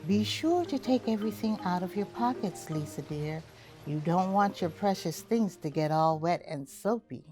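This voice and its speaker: An affectionate storybook mother, read by a woman, gentle and reassuring yet firm. Her intonation is lively, with soft music underneath. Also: fairly low pitch, normal speed, natural voice. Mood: instructing.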